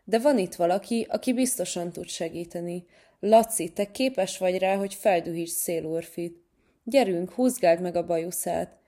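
A woman voicing an eager, kind little female kitten, a younger sister in a children's storybook, speaking with excitement. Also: fairly low pitch, close to an everyday voice.

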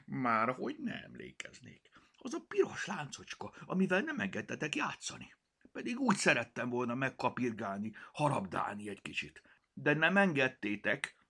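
A man's voice: lowish voice, huge pitch swings, creaky, pushed and bright, husky, heavily acted. A man playing a pompous, vain house cat. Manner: pompous and drawn-out, mock-dramatic. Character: vain, touchy, theatrical mixed-breed house cat.

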